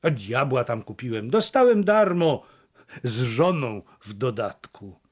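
A man playing a loud boastful village blacksmith. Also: mid-range voice, very animated, measured pace. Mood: boisterous. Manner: gruff, boisterous, shouting.

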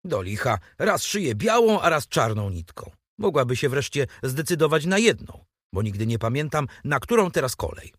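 A man's voice: medium pitch, sing-song, moderate pace, few pauses, a bit bright, husky, no echo, clean studio sound. Tom, a man doing a cheeky boy. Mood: grumbling. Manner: evasive, cocky. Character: cheeky, defiant young boy.

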